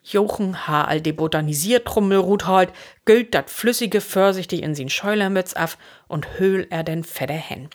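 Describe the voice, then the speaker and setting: A woman reading a story aloud, switching to high, excited voices for the boys' dialogue. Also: moderate pace, hardly any pauses. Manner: lively, shifts into high excited voices for the boys.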